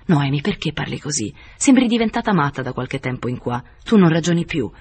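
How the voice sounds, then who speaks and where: A man reading as a fretful older noblewoman, high and husky. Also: very animated, a little fast, a little mellow, exaggerated voice. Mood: pleading. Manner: pleading, questioning. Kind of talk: audiobook character reading.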